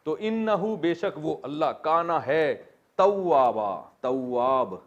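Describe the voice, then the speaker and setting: A man's voice: fairly high pitch, animated, muffled recording. A man teaching a Quran exegesis class, explaining Arabic grammar and putting questions to his students with joking asides.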